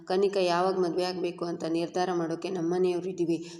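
Woman reading as a hot-tempered young brother, accusing, low flat voice, roomy. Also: a little fast, lightly acted. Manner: accusing, demanding. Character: angry young man, protective brother.

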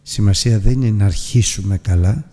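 A man's voice: lowish voice, mellow. A man teaching a Bible lesson, retelling a scripture story earnestly and addressing his listeners as brothers. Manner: earnest storytelling with emphatic rises and drops.

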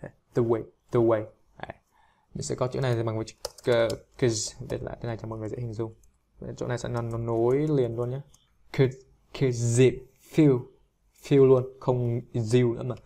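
A man's voice: medium pitch, little pitch movement, fast, gravelly, warm tone. A man teaching pronunciation in a casual singing lesson, talking in a chatty, self-deprecating way. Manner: chatty, self-deprecating, breaks into sung demonstrations. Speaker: English teacher.

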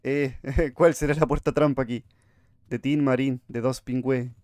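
A man's voice: medium pitch, fairly even intonation, unhurried, a little mellow. A man giving jumpy, chatty horror game commentary, talking to his viewers. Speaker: gamer streamer.

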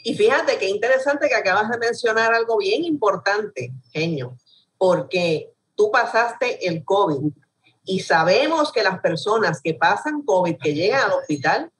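A woman's voice: mid-range voice, lively intonation, a little slow. A woman co-host with a Puerto Rican accent, telling stories animatedly, laughing and acting out other people's voices. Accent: Puerto Rican Spanish. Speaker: radio show co-host. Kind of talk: lively storytelling in conversation. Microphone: video call from home. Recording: distant video call audio.

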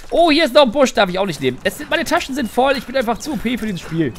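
A man's voice: extremely high pitch, sing-song, racing, a little hiss or hum. A man narrating his game in a joking, rambling way with mock anger, as a let's play host. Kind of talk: gaming commentary.

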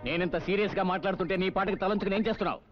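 An actor playing an exasperated senior police officer in a dubbed film, lecturing a subordinate. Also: male voice, high voice, racing, muffled recording, faint music behind, lightly acted. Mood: scolding. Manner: scolding, lecturing. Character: stern, exasperated male police superior.

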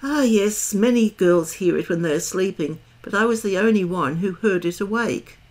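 A woman voicing a gentle grown mother, soft, apologetic and wistful. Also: medium pitch, normal speed, close to an everyday voice. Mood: hesitant.

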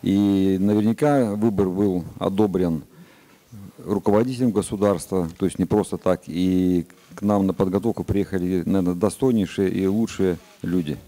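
A man, a spacecraft commander, answering press conference questions in a calm, measured, matter-of-fact way. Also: sits low.

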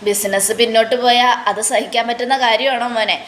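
A woman's voice: a little high, fairly even intonation, fast, a little hiss or hum, natural voice. A woman voicing a practical middle-aged mother-in-law who coaxes and reasons with her family. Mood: coaxing. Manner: coaxing, reasoning.

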